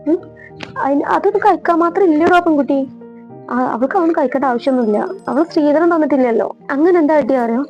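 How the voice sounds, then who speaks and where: A woman's voice: high voice, a little mellow. A woman, earnestly telling the story of her own marriage and often repeating herself. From Kerala. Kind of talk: emotional personal storytelling. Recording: dull lo-fi audio with faint music.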